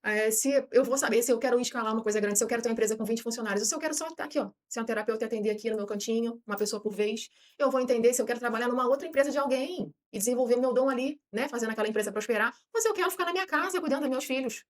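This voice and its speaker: A woman's voice: fairly high pitch, rapid-fire, few pauses. A woman with a Brazilian Portuguese accent, a podcast guest explaining her views at length and acting out what people tell themselves. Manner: lively, voices imagined people's thoughts. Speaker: guest on self-knowledge podcast.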